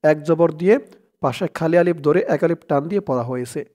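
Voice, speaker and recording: A man teaching scripture reading, chanting verses in long drawn-out tones and asking viewers to repeat after him. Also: a little high, warm tone. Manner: slow drawn-out chanting of verses, quick spoken explanations between. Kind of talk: recitation lesson.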